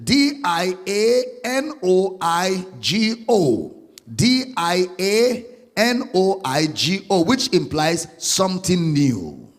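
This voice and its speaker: A man preaching a sermon as a pastor, singing out scripture lines and spelling words slowly. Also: high voice, sing-song, big-room sound.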